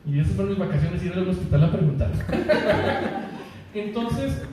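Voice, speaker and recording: A man's voice: high voice, very animated, measured pace, noisy background. A man with a Mexican accent preaching a sermon, telling a personal story in a jokey, chatty way and laughing at his own jokes. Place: church hall. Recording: echoey church hall, mic from far off.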